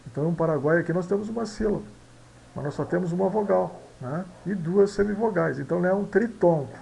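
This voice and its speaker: Gravelly man teaching grammar. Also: sits high, mellow, poor audio. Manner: explanatory, frequent tag questions, slow and repetitive. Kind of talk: explaining Portuguese phonology exercises.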